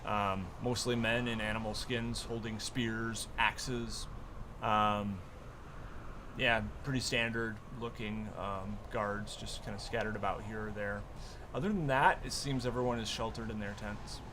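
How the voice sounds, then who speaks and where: A man improvising narration as game master of a tabletop game, often pausing mid-sentence. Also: lowish voice, steady tone, noisy background.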